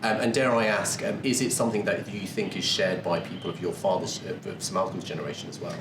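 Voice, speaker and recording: A man's voice: sits low, fairly even intonation, quick pace. A man hosting an interview, asking polite, elaborate questions full of hedges. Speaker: interview host. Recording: distant echoey mic with noise.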